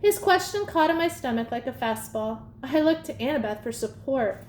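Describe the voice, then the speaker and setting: A woman reading a storybook aloud in a lively first-person telling. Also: high voice, moderate pace, slight background noise. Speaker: audiobook reader. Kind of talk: storybook narration. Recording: echoey room, faint ambience.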